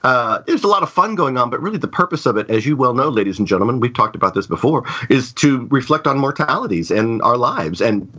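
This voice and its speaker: A man's voice: mid-range voice, expressive, fast, few pauses, pushed and bright, breathy edge, lo-fi sound. A man hosting a podcast, chatting casually in an enthusiastic, musing way. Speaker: podcast host. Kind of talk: casual chat.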